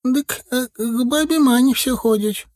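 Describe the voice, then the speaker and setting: A man's voice: very high voice, a little slow, darkish tone, voice pushed up. A man voicing a chatty old village grandmother who rambles on in rustic country speech. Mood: chattering. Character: fussy old village granny, chatty, complaining.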